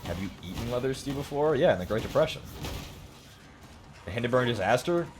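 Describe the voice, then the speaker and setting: A man's voice: mid-range voice, expressive, a little fast, music in the background. A man in his late twenties streaming a game, chatting casually and joking while he reads his chat aloud. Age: late 20s.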